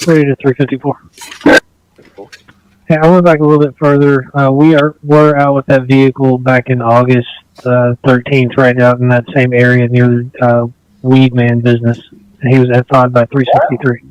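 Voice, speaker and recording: A man's voice: mid-range voice, monotone, fairly quick, darkish tone, smooth, highs cut off. A man giving matter-of-fact police radio reports as an emergency operator, heard over a scanner. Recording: two-way radio scanner transmission.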